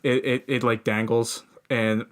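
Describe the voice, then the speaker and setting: A man's voice: medium pitch, little pitch movement, a little slow, a bit bright. A young man co-hosting a comedy podcast, telling a long story in casual chat with many restarts. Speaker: podcast co-host.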